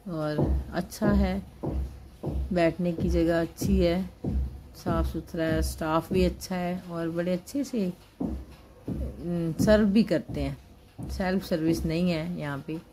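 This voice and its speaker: Holding her phone camera, a grandmother who vlogs talks homely and casually about a family outing in a busy indoor mall. She speaks slowly in a steady voice on the low side, with background noise present.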